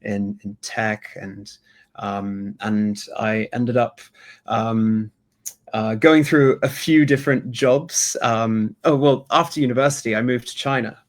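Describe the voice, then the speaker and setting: A man's voice: lowish voice, fairly even intonation, slow pace. A man from Hong Kong with a British accent, chatting as an interview guest over a video call, laughing often and restarting his sentences with many fillers. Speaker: guest, sourcing company co-founder. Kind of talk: conversational interview answers.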